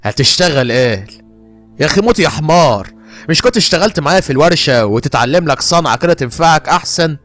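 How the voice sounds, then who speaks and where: A man's voice: fairly high pitch, expressive, quick pace, a bit bright, soft background music, pitched below the performer's own voice. A man playing a harsh, scornful, middle-aged Egyptian workshop father who talks in a mocking, sarcastic way with an Egyptian Arabic accent. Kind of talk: horror story narration.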